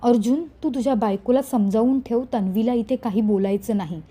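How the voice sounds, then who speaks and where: A woman's voice: on the high side, brisk, mellow, natural voice. A woman reading a stern old grandmother. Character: stern elderly grandmother, head of the house.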